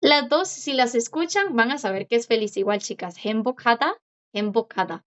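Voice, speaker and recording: A woman teaching a Korean class, who repeats words slowly and keeps checking in with her students. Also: a little high, animated, fairly bright tone. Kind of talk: online class explanation. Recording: dull lo-fi audio.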